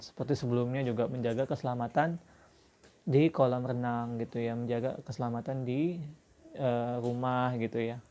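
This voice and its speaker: A man's voice: medium pitch, dark tone. A man teaching a religious school class to young children, explaining patiently with many fillers and restarts.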